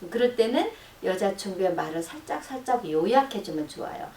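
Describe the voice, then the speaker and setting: A middle-aged woman psychologist explaining advice in a radio-style talk, acting out sample lines of dialogue in a softer, lower voice. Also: expressive, brisk. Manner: explanatory, acts out sample dialogue in a soft low voice. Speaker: counseling psychologist giving advice. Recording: roomy, distant, faint noise.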